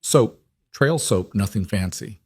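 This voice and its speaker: A man voicing a calm cowboy gunslinger who speaks quietly and matter-of-factly, without boasting. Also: on the low side, measured pace, slightly rough, no echo, studio quality, heavily acted. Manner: quiet, unboastful, matter-of-fact.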